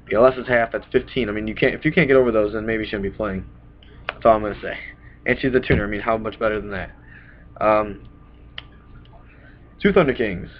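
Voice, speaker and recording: In a small room, a young man still shaking off a cold talks casually through a deck of cards to the webcam on his desk, frequently saying "bam." His voice is medium-pitched, and the dull lo-fi webcam recording has slight background noise.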